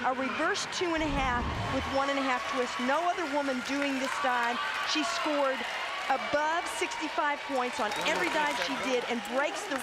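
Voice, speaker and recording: Loud venue noise surrounds a high-pitched woman. She gives expert diving commentary, explaining and judging technique in an analytical way. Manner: explanatory, evaluative.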